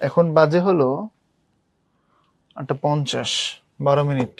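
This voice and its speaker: The recording is muffled with slight background noise as a young admission tutor teaches an online university prep class. Speaking at a measured pace in a fairly high voice, he stays casual and chatty, talking straight to the students and asking them questions.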